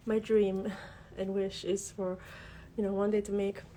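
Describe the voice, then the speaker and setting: Greeting viewers during a casual craft livestream at her desk, a woman speaks chattily with lots of fillers, sounding congested from a cold. She's a craft tutorial host whose first language is Albanian, and her warm, mid-range voice stays level and unhurried. There's a little hiss or hum.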